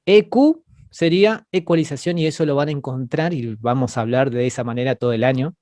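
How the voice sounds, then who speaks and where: Give me a patient man teaching a class online, mid-pitched voice, dry sound. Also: fairly quick, a little mellow, no room sound. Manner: patient, explanatory, repeats words as he goes. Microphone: video call.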